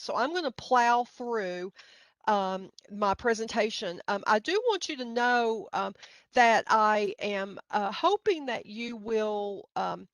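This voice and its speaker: A middle-aged woman with a Middle Tennessee accent leads an informal training session. She is folksy and a little hesitant, with a self-deprecating touch. Her voice sits at a medium pitch in a dry, echo-free recording. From Middle Tennessee, United States. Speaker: university grant budget specialist, presenter.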